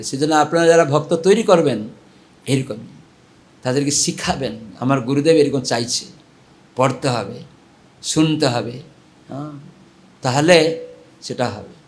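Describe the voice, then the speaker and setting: A man, a monk, giving a storytelling sermon at a village gathering, moving from anecdote into exhortation and chanting. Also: on the high side. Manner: animated, rises into louder exhortation and chant. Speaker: monk giving a religious class.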